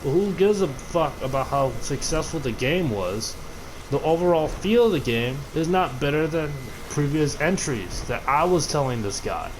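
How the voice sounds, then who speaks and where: A man's voice: on the high side, expressive, normal speed, noisy background. A man ranting casually about a video game, rambling and cursing, often restarting his sentences. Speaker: gaming video creator. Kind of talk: casual gaming rant.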